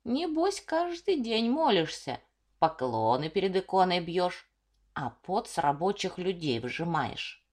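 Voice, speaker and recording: Woman voicing a slow grey-haired old peasant. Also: on the low side, very animated, a little mellow. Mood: reproachful. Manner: slow, reproachful. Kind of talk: storybook reading.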